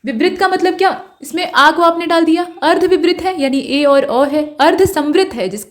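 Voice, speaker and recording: A woman with a high, light voice teaches an online exam-prep grammar class. She explains patiently and keeps checking that her students follow. She slows down to sound out each vowel and letter as an example.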